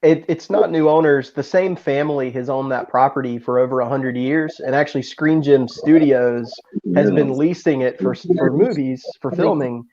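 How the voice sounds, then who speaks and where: A man's voice: medium pitch, moderate pace, mellow. Chatty man on a muffled call. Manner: chatty, enthusiastic storyteller. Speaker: guest. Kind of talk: casual video-call chat. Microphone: video call.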